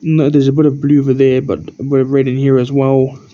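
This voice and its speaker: A tired man who keeps yawning gives a rambling, halting show-and-tell of his toy collection as the channel host, pointing out details one by one. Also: medium pitch, level tone, warm tone. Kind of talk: casual show-and-tell narration. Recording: dull lo-fi recording.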